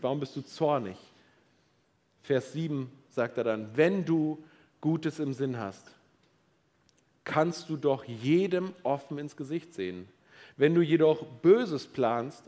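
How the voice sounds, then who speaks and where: A middle-aged man delivers a sermon with a voice that swings widely in pitch and sits a little high. He is playful and direct, firing questions at the congregation. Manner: lively, playful, addresses the audience directly. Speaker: preacher.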